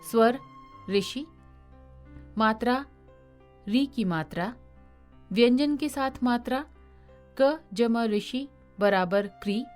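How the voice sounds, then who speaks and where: A woman reciting a grammar lesson in a slow, deliberate way, letter by letter with examples. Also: a little high, darkish tone. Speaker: teacher.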